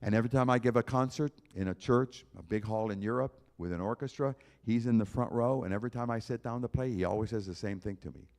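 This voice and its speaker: Emphatic man preaching with a mellow voice. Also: medium pitch, fast, few pauses. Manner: preaching, emphatic repetition, direct appeals to listeners. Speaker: concert pianist giving testimony. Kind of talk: evangelistic talk at a church concert.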